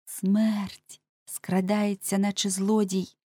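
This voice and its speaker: A woman's voice: a little high, animated, normal speed, darkish tone, dry recording, voice pushed up, close to an everyday voice. A woman voicing a devout young servant girl in an audiobook, talking in an earnest, pleading way.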